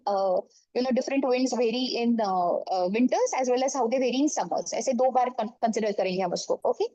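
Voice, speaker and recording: A woman geography teacher with a North Indian accent speaks in a high voice at a quick pace. She explains informally, slipping between English and Hindi and adding small check-ins. The sound is dry and close. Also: warm tone, no echo, highs cut off. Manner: explanatory, often checking with okay and right. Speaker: geography teacher for exam coaching. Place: online class over screen share.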